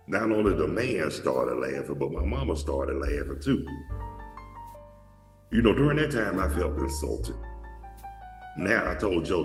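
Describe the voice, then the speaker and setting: A deep-voiced show host from Atlanta, Georgia tells stories in a casual monologue, rambling and profane with frequent restarts. He's recorded in an echoey room from a distant mic.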